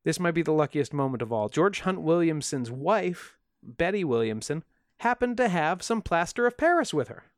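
With a sing-song voice on the high side, this man co-hosts a podcast and casually tells an odd story with wry humor and lots of fillers. He talks at a normal pace in a dry, studio-quality recording.

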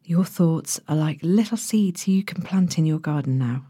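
Soft, breathy woman narrating a sleep story. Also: low voice, dry recording. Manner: gentle, hushed, breathy delivery with long pauses. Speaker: podcast host, sleep meditation narrator. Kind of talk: soothing sleep story narration, guided relaxation.

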